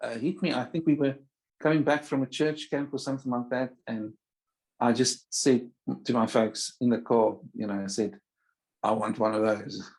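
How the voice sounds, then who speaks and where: A South African man with an Afrikaans accent talks casually as a guest on a video call. His voice is mid-pitched, and he feels his way through sentences with pauses. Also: steady tone, darkish tone, rough recording. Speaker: interview guest, musician. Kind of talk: casual chat.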